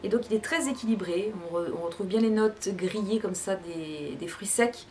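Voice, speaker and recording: A woman's voice: medium pitch, normal speed. Chatty woman reviewing teas. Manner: chatty, hesitant with many fillers and restarts. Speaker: tea vlogger. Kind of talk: casual product review. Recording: background music.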